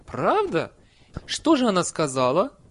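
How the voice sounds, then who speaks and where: A man reading an audiobook voices a chatty, shrewd old village witch woman in brisk, homely folk speech. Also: sits high, huge pitch swings, fairly bright tone, slightly rough, pitched above the performer's own voice, heavily acted. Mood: curious.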